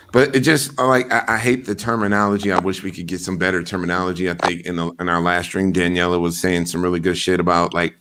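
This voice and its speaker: A man's voice: low-pitched, fairly bright tone. A man hosting a podcast in a loose, blunt casual chat, full of fillers and swearing. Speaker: podcast host.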